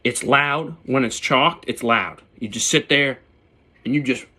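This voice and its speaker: Bright-voiced man in casual gear demo. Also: mid-range voice, measured pace. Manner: informal, blunt, mildly sweary slang. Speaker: turkey hunter presenting his calls. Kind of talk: casual hands-on gear demonstration.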